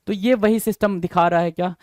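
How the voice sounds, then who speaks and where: High pitched guy teaching vocab, keeps repeating words and quizzing, dry close sound. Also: fairly even intonation, a little fast, a little mellow, dry recording. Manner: drills words, repeats and spells them out, asks students questions. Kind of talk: exam-prep lesson.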